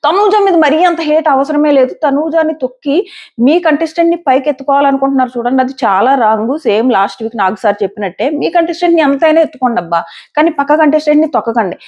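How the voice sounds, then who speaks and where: A woman's voice: sits high, quick pace, a little mellow. A woman giving casual, emphatic commentary as a show reviewer, arguing her points and repeating them.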